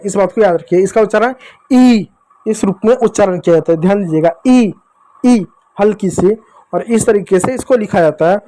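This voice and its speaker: A man teaching basic Hindi letters to children, patient and repetitive, sounding out each syllable slowly. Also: sits high, a little mellow. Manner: addresses listeners as children. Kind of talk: classroom lesson for children.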